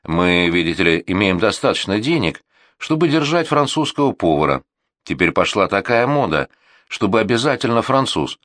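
A man's voice: fairly low pitch, sing-song, normal speed, fairly bright tone, no room sound, studio quality. A male audiobook reader voicing a proud, fussy householder explaining in a self-satisfied way.

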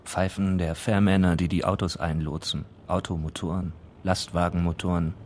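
Male announcer, very deep voice, slow neutral reading of the scene directions. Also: flat delivery, a little mellow, a little hiss or hum.

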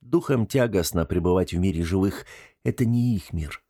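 A man's voice: sits low, moderate pace, dark tone, dry recording, studio quality. A man voicing a young man in an audiobook, teasing and dramatic. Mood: pondering.

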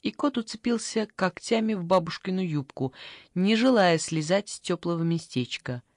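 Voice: mid-range voice, lively intonation, moderate pace, no room sound. Dry, close audiobook narrator. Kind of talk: scripted literary narration.

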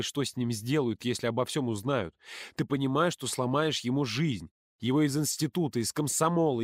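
A man voicing a hot-tempered teenage boy close to hysteria in an audiobook, yelling and pleading in a raised voice. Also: mid-range voice, dry recording, lightly acted. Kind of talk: audiobook character voice.

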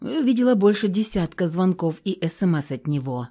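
A woman narrating an audiobook with a dramatic, steady reading. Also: fairly low pitch, a little fast.

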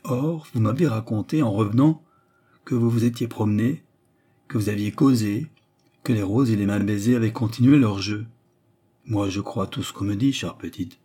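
A man's voice: fairly low pitch, normal speed, mellow, breathy edge. A man reading aloud and voicing a scheming, persuasive noblewoman who frightens her young companion with feigned sweetness. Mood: menacing, persuasive. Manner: insistent, menacing, feigned sweetness. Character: scheming, persuasive noblewoman adventuress, middle-aged.

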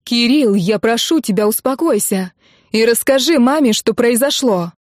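A woman voicing a stern mother who is frightened and demands answers in a sharp, commanding voice. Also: fairly high pitch, big pitch swings, unhurried, no room sound, studio quality, voice pushed up. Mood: desperate.

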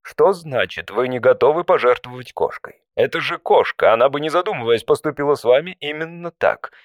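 An automated support-line menu voice acted out by a man for a comic audio story. It speaks in measured, scripted prompts at a middling male pitch, courteous and deadpan with faint exasperation. The sound is dry, with no room around it. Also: no room sound, lightly acted. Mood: deadpan, exasperated.

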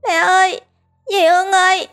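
A woman's voice: very high voice, little pitch movement, normal speed, fairly bright tone, faint music behind, pitched above the performer's own voice. A wailing little girl. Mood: crying. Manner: wailing, tearful. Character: small frightened little girl, crying.

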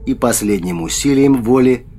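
A man narrating a dark fantasy audiobook in a measured storytelling manner, with faint music behind him. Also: medium pitch, lively intonation.

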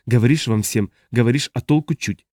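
A man's voice: medium pitch, fairly quick, darkish tone, dry recording, close to an everyday voice. Sly straw-mouthed creature, hissing, fawning, rustling, read by a man, dry sound. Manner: hissing, wheedling.

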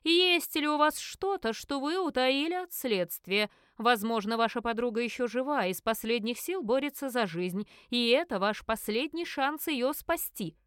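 A woman's voice: fairly high pitch, lively intonation, moderate pace, hardly any pauses, a bit bright, clear, resonant tone, dry recording. A woman reading the part of a cold, pressing male investigator in an audiobook, in a dry room. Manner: cold, interrogating.

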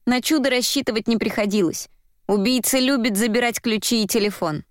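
A woman narrating a story in a wry, even storytelling manner. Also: on the high side, brisk, no echo, clean studio sound. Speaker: audiobook narrator. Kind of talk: scripted narration.

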